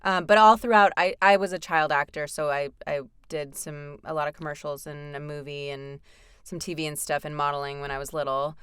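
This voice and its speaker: Chatty low-voiced young woman. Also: fairly even intonation, a little fast, fairly bright tone, clear, resonant tone, no room sound, studio quality. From United States. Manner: chatty, laughs often, many ums. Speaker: voice actor guest. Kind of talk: casual interview chat.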